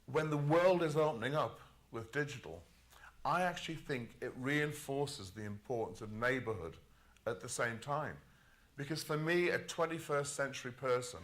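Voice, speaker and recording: A man speaking as a panelist at a conference, his voice sitting in an ordinary middle register. He talks in a measured, emphatic way and sometimes repeats a word as he builds a point. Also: mid-range voice, a bit bright.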